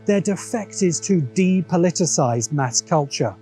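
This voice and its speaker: Background music plays behind this host of a science fiction commentary show, whose slightly high, mellow voice is animated, unhurried and a little rough. He reads a scripted video essay with strong opinions and dry sarcasm.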